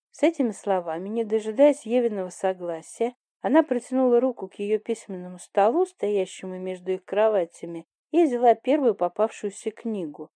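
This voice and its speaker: A woman reads an audiobook narration in a calm, reflective way. Her voice is mellow and dark. The recording is close and dry, with no room sound. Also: mid-range voice, no echo. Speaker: audiobook reader.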